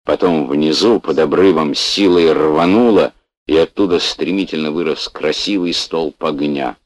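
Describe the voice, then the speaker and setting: A man reading a literary story aloud as an audiobook narrator, in a measured, unhurried way. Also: rumbling low, no room sound.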